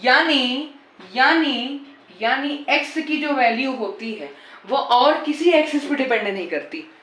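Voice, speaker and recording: A man's voice: extremely high pitch, animated, slow, a bit bright, echoey room. A man teaching physics in a casual lecture style. He repeats key points and coaxes and teases his students as he goes. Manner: repetitive, coaxing, teasing the students.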